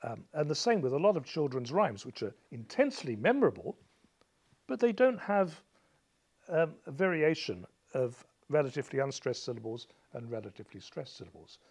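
A man's voice: mid-range voice, very animated, normal speed, a little mellow, slightly rough. A male teacher patiently explains a poem's rhythm to a student, chanting beats and counting syllables aloud.

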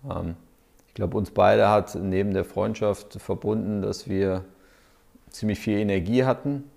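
A man, a podcast guest telling stories in a relaxed way with many fillers. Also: lowish voice, unhurried, creaky. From Berlin, Germany. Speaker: podcast guest, startup founder. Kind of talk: casual interview storytelling.

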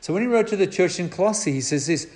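Guy preaching, earnest and emphatic, kinda higher voice, stretches out the big words. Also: animated, darkish tone. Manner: earnest, slow and emphatic, drawing out key words. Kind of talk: sermon.

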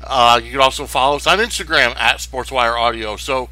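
A man's voice: mid-range voice, fairly quick, pushed and bright, no room sound, low-quality recording. A man hosting a sports podcast solo, talking casually in a rambling, opinionated way. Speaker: sports wrestling podcast host.

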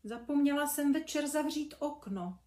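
A woman voicing a patient, kindly mother bumblebee who explains things gently. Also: high voice, pitched above the performer's own voice, close to an everyday voice. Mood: gentle. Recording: echoey room.

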